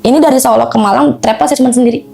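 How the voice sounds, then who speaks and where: High, gravelly-voiced woman telling a story. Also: very fast, soft background music. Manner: animated, keeps addressing the listener as "Kak"; emotional, tells of distress at length. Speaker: guest telling a true ghost story. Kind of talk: casual storytelling to an interviewer.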